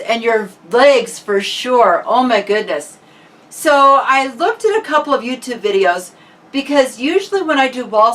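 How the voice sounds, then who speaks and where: A woman's voice: on the high side, fairly bright tone. A woman talking casually and informally, like a fitness vlogger chatting to viewers. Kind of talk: casual vlog chat. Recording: distant microphone.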